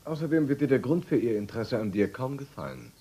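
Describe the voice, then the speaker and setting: A man's voice: mid-range voice, lively intonation, fast talker, warm tone, husky. An actor dubbing a dry, suspicious man who probes a scheming woman in a soap opera. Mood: probing. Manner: dry, probing. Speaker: brother. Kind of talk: German-dubbed soap opera acting.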